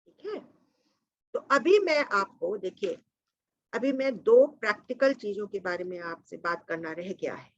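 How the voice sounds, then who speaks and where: Slow-speaking woman teaching on a video call. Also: medium pitch, lively intonation, no room sound, lo-fi sound. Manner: slow mantra chanting between explanations; mixes Hindi with English. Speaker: spiritual teacher. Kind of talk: online satsang teaching.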